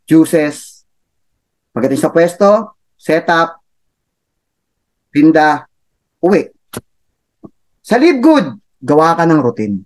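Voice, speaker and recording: Chatty man giving a motivational talk. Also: on the high side. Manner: chatty, laughs, tag questions. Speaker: motivational speaker for a business club.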